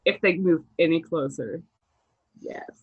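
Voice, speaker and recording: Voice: medium pitch, a little slow, husky, dry recording. A tabletop game player narrating a character's actions, on dull, muffled audio.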